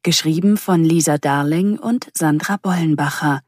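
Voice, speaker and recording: A woman's voice: deep voice, normal speed, a little mellow, dry recording, studio quality. A woman reading a scripted audiobook introduction as an announcer.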